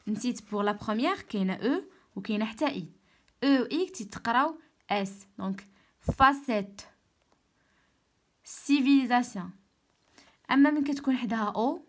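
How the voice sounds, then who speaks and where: A woman with a Moroccan Arabic accent giving an online French lesson. She repeats each word slowly and patiently explains how it sounds. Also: fairly high pitch. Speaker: French teacher.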